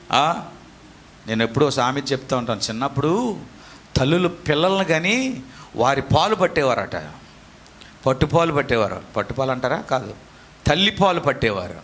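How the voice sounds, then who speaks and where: A male pastor delivering a sermon with a bright, forceful voice pitched a little high. He leads call-and-response with the congregation and breaks off to scold listeners.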